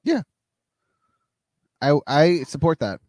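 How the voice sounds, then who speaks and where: A young man co-hosting a casual comedy podcast, delivering sardonic jokes in a deadpan way. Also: fairly high pitch, slow pace, no echo. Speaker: podcast co-host.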